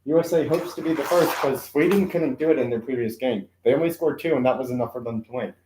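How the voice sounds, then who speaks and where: A man in a casual live stream, talking through games he runs with toy cars, often circling back to correct himself and fill pauses with "um." His voice sits at an ordinary pitch and sounds echoey, as if recorded in a bare room at home, with faint clicking behind him. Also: background noise. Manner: rambling, self-correcting, lots of "um" and asides. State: occasional coughing. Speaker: host commentating toy car games.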